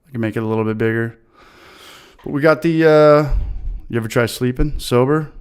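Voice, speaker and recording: An upbeat man hosts a casual live stream, chatting loosely and greeting viewers one after another. His voice comes through smooth and clear. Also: mid-range voice, brisk, a little mellow. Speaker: livestream host.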